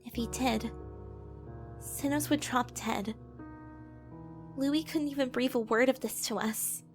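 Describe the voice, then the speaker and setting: In an audio drama, a woman plays a gentle, vulnerable young heroine recounting her past in an earnest, emotive, confiding way. Her high voice is slow and wistful in this narration, backed by soft music.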